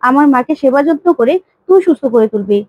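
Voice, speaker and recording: A woman's voice: sits high, lively intonation, quick pace, dry recording, dull audio. Woman voicing emphatic young heroine Durga. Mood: urgent. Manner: emphatic, repeats herself, coaxing.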